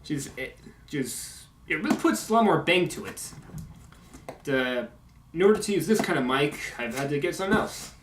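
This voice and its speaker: A man's voice: a little high, very animated, noisy background. A man casually talking about video games in a vlog update, mumbling and stumbling through lots of fillers on a condenser mic. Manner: mumbling, halting, full of fillers. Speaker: video game commentator. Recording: echoey home room.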